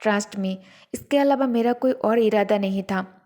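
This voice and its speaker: A woman voicing a scheming young wife who feigns innocence and pleads softly in her own defense. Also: medium pitch, measured pace, natural voice. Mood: pleading.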